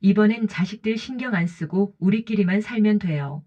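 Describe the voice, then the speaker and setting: A woman voicing a gentle, hopeful older man. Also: mid-range voice, fairly quick, lightly acted. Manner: soft, polite, reassuring. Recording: dull lo-fi audio.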